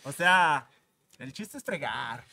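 A man's voice: mid-range voice, expressive, slow, sharp tone. A male podcast host with a Mexican accent, bantering casually with slangy jokes. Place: indoor studio set.

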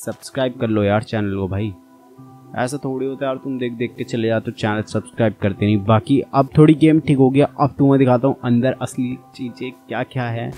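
Brief: young man, casual game commentary, mid pitch, faint music behind. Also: warm tone. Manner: chatty, addresses viewers as brother. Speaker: gaming channel host.

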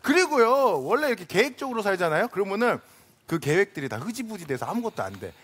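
Lively bright-voiced male comedian, slightly husky. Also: high voice, fast talker. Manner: animated, jokey, acts out shouted quotes. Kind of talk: stand-up comedy duet on stage.

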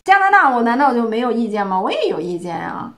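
A woman's voice: on the high side, very animated, quick pace. A woman from China giving a solo political commentary, emphatic and full of rhetorical questions. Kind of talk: solo opinion monologue.

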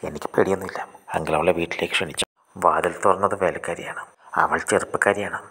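A man narrates a scripted short story. His voice is deep and husky, with a bright edge. He reads briskly and often drops into a breathy half-whisper. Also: steady tone.

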